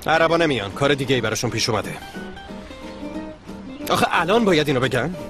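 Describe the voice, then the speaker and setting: A man's voice: medium pitch, very animated, music in the background, natural voice. An actor dubbing a brusque, short-tempered young male boss in a TV drama, irritable and sarcastic. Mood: angry. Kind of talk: dubbed TV drama acting.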